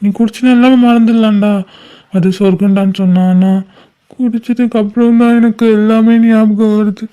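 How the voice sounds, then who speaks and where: A woman's voice: a little high, moderate pace, clear, resonant tone, natural voice. Woman playing a heartbroken drunk young man. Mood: brooding sad. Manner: brooding, flat, reproachful. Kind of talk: homemade cartoon voice acting.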